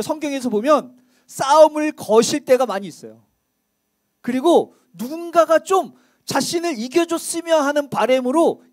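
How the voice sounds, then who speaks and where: A male pastor preaching a sermon in a church, speaking conversationally and quizzing the congregation with rhetorical questions. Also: extremely high pitch. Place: church sanctuary.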